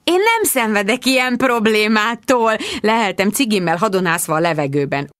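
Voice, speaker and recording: A woman narrating a comic first-person diary in an expressive, animated way. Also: medium pitch, no echo, studio quality. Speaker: audiobook reader.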